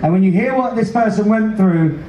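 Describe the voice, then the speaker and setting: Hosting a veterans' event as a cruise director, a British man gives a live, emotive and earnest address from a large indoor theater stage, speaking fairly quickly in a high, soft, mellow voice. His handheld mic feeds a roomy PA, recorded from far back in the audience, leaving the audio dull with faint noise.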